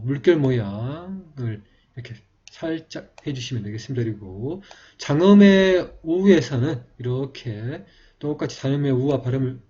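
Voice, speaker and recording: Male script teacher, patient explanatory delivery, slightly husky, muffled lo-fi recording. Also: mid-range voice, dark tone. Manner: slow, explanatory, drawn-out vowel demonstrations. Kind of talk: calligraphy lesson. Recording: dull lo-fi recording.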